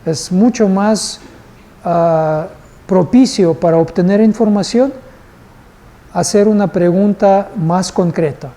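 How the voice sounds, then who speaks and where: Dark-voiced man teaching a class. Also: high voice, slow. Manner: patient, asks the class questions. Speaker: course instructor.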